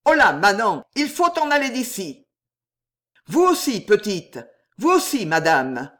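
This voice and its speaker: A woman's voice: mid-range voice, sing-song, normal speed, lightly acted. A woman reading as a curt, haughty noble huntsman. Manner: curt and hard. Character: hot-tempered noble huntsman, haughty man.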